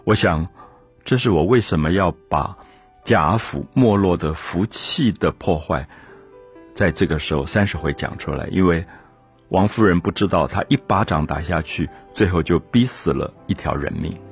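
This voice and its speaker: A man's voice: low-pitched, normal speed, soft background music. A man lecturing on a classic novel in an earnest, musing way, stressing key words as he explains. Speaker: literature lecturer. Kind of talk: reflective literary lecture.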